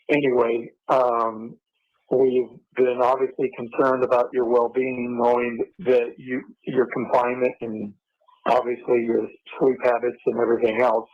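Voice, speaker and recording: Older guy on speakerphone, slow and flat, lots of uh's, dull muffled line. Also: medium pitch. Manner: halting, full of uh and um fillers. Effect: heard through a phone line on speaker. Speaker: father on a jail phone call.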